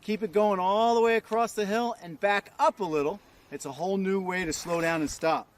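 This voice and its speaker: A man's voice: sits high, brisk. A man working as a ski instructor, coaching informally and encouragingly in short instructions out on a slope. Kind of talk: ski lesson demonstrated on the slope.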